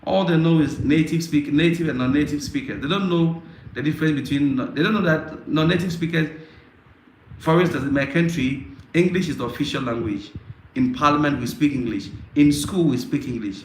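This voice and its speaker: Male host from Africa, casual live Q&A, halting and repetitive delivery, room echo with faint noise. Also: medium pitch. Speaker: host answering viewer questions.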